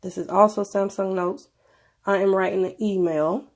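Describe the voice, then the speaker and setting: A woman's voice: mid-range voice, steady tone, normal speed. A woman with a stuffy nose from a cold, presenting a casual tech review in an informal, conversational way. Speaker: video presenter.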